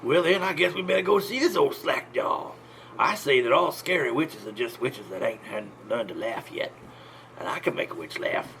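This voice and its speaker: A man's voice: medium pitch, animated, normal speed, vocal fry, fairly bright tone, pitched below the performer's own voice. A man voicing a folksy, boastful prankster clown with a rustic drawl and homespun grammar in a tabletop game. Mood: confident, folksy. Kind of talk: tabletop role-play in character. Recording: faint background noise.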